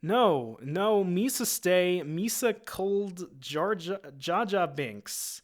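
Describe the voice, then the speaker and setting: A man voicing a clumsy, goofy male amphibian alien who talks in drawn-out broken pidgin, in an amateur screenplay reading. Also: sits high, animated, voice pushed up, heavily acted. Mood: goofy pleading.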